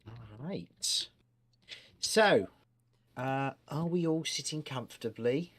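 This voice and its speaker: Lively storytelling game master man. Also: mid-range voice, takes it slowly. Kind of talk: narrating a tabletop game.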